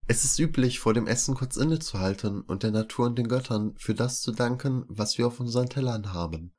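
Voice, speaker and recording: A man voicing a kind, mystical young female traveler, calm and gently questioning. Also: mid-range voice, brisk, pitched above the performer's own voice, lightly acted. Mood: friendly, curious.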